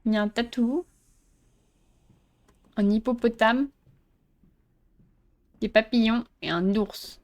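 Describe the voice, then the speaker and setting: A woman with a fairly high voice gives unhurried let's play commentary over a horror video game. She jokes and pokes fun at herself, taking her time between remarks. When she reads text aloud she sometimes stumbles over the words. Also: steady tone, darkish tone. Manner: joking, self-mocking, stumbles over read-out text. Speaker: gameplay streamer.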